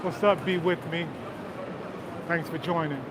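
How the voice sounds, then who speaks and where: Streaming live from a phone held as he walks, a Detroit, Michigan man with a Southern US accent talks casually with his audience on busy city streets. His voice is on the high side and his pace measured; laid-back and talkative, he answers comments and keeps saying "man." Street noise of traffic and crowds is constant.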